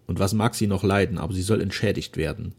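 A man's voice: deep voice, quick pace, slightly rough. A man doing a sick, remorseful old duke. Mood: solemn remorse. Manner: solemn, weary, formal speech. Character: ailing old nobleman father, remorseful and solemn.

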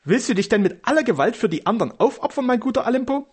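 A man putting on a shrill anxious wife. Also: animated, fast talker, breathy edge, heavily acted. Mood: alarmed. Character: stout, anxious middle-aged wife.

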